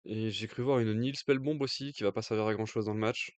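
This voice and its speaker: A man's voice: fairly low pitch, fairly even intonation, fast, no echo. A man with a French accent giving casual live commentary on a card game match, thinking aloud with hesitant fillers. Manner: jokey aside in accented English. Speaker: stream commentator.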